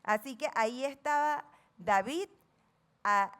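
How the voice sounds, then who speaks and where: A woman's voice: a little high, slow pace, fairly bright tone, clear, resonant tone. A middle-aged woman with a Panamanian accent preaching a sermon, reading scripture dramatically and asking the congregation questions. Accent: Panamanian Spanish. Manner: playful asides acting out friends' chatter.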